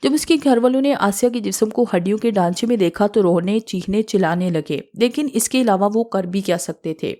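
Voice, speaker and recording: A woman's voice: mid-range voice, hardly any pauses, dark tone. Woman narrating a horror audiobook. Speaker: storyteller.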